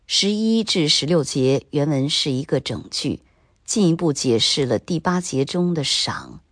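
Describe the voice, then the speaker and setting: A woman reading a scripted Bible commentary in a slow, measured, even way. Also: deep voice, no echo, clean studio sound.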